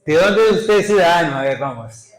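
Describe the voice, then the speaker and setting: A man's voice: fairly high pitch, lively intonation, moderate pace. Emphatic preaching man, echoey church. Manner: emphatic preaching with rhetorical questions to the congregation. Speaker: pastor. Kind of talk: sermon.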